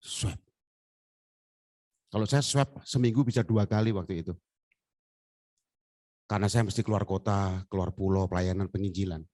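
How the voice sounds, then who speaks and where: A man's voice: no room sound, clean studio sound. A male pastor preaching in a storytelling sermon, joking and acting out the voices of the people in his story. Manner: animated, jokey storytelling, acts out dialogue in high voices.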